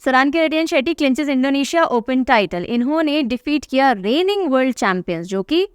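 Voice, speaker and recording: High-voiced chatty woman teacher. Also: expressive, normal speed, clean tone, dry recording, studio quality. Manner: chatty, teasing, repeats key names. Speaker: current affairs teacher. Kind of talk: exam-prep lesson.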